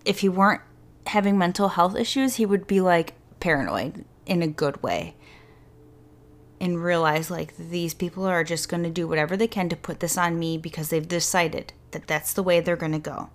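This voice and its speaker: A young woman reads out the details of a criminal case and keeps breaking off to react. Her commentary is animated and sarcastic, and she swears freely. Her voice sits a little low for a woman. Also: normal speed. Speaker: true crime podcast host. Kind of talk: reading case notes with casual commentary.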